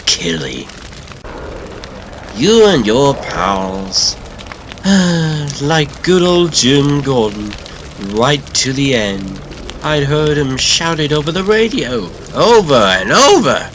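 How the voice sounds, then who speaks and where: A man voicing a gleefully sadistic, unhinged clown supervillain in a comic dub, theatrical and taunting, lurching between hushed and shrieking. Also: mid-range voice, big pitch swings, slow pace, a little hiss or hum, pitched above the performer's own voice. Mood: sadistic glee.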